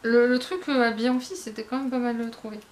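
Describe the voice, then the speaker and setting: A fast-talking woman with a fairly high, steady voice and slight background noise gives a casual manga review that wanders. The book blogger hesitates, revises what she says, and chats straight at her viewers with frank remarks.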